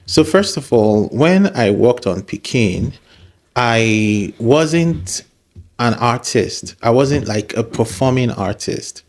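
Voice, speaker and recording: A Nigerian man, a musician and the guest in an interview, telling the story of his career in a relaxed, animated way. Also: mid-range voice, slow. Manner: animated storyteller, acts out quoted voices.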